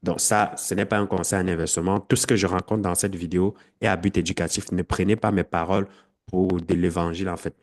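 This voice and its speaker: A man's voice: low-pitched, flat delivery, quick pace. A man explaining a screen-share tutorial to his viewers, with frequent fillers and self-corrections. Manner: talks straight to viewers. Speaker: crypto educator.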